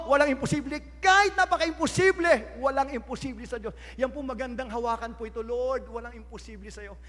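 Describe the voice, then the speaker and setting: A Filipino pastor with an unusually high voice preaches to his congregation, quoting scripture in English among his own words. His voice carries into a big church hall with a long echo that trails after each phrase. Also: fairly bright tone. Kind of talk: sermon.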